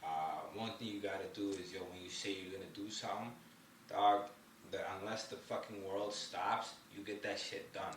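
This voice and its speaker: Off-mic and in a roomy space with faint background noise, a man speaks at a moderate pace in a lowish voice with fairly even intonation. As a podcast guest born in Somalia who lived in Ottawa, Canada, he gives casual motivational advice, slangy and emphatic, with plenty of "you know what I mean."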